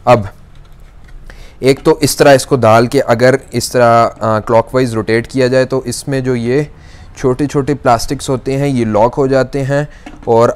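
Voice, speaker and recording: A young man reviewing products as a salesman in an electronics store demonstrates a kitchen appliance in stages. His mid-range voice comes through cleanly, and he keeps a patient pace, often stretching "aa" fillers between phrases.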